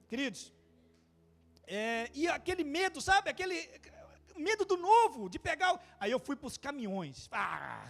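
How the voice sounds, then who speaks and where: A man with a Brazilian Portuguese accent, preaching a casual, humorous sermon. He swings from quiet asides to loud, rising exclamations and tells stories with playful quoted voices and sound effects. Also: very high-pitched, gravelly. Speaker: pastor.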